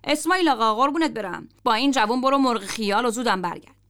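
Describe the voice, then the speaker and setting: A woman's voice: fairly high pitch, animated, gravelly, fairly bright tone. Bossy sly warehouse boss, read by a woman.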